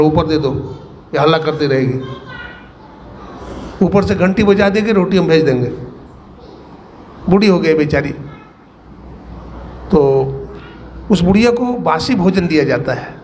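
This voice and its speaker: A middle-aged spiritual teacher, telling a parable in a folksy sermon and slipping into the voices of the people in it. His voice sits a touch high for a man. A faint hum of the gathering runs underneath. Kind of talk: storytelling sermon. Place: satsang gathering hall.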